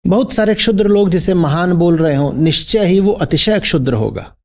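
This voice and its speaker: A man's voice: high-pitched, lively intonation, normal speed. A man teaching as a spiritual teacher in a discourse, posing rhetorical questions and checking in with his listeners.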